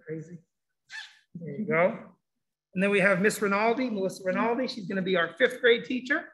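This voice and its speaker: A man's voice: high voice, fairly quick, a bit bright. A man speaking muffled through a face mask, informally presenting to families as a school program supervisor. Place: indoor school room, standing before a presentation screen.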